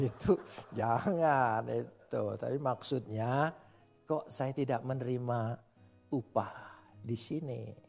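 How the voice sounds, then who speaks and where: Gravelly man preaching a lively sermon. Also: mid-range voice. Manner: animated, swings between loud emphatic calls and soft asides; jokes with the congregation in casual speech. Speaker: pastor.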